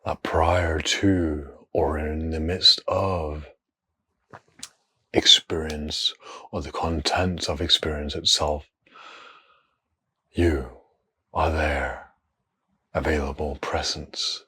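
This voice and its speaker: A man guides a meditation in a hushed, husky, breathy voice of extremely low pitch. His intonation stays fairly even, and he speaks in short, unhurried phrases broken up by long pauses.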